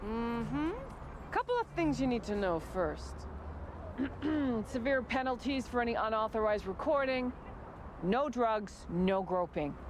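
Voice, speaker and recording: A stern club doorkeeper speaks in a fairly high voice. She is cool, clipped and sure of herself, a video game character with city noise around her. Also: lively intonation, slow pace. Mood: cool, warning. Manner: clipped, confident.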